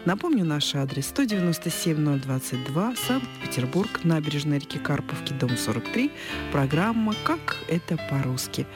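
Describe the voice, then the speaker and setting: Lively-voiced woman radio host. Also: low voice, music in the background. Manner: brisk, announcing. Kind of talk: radio hosting.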